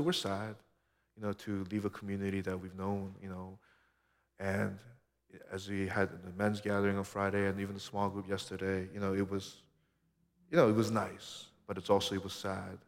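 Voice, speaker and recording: A man from Korea, around his thirties, giving a sermon as a pastor in an earnest, conversational way that often drops to a soft hush. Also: deep voice, level tone, moderate pace. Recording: long hall reverb.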